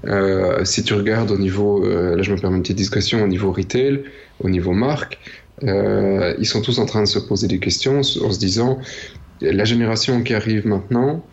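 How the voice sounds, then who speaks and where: A man's voice: fairly low pitch, moderate pace, a little mellow. A man in his thirties co-hosting a casual tech podcast, rambling and joking with some swearing. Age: 30s. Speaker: podcast co-host. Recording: dull lo-fi sound.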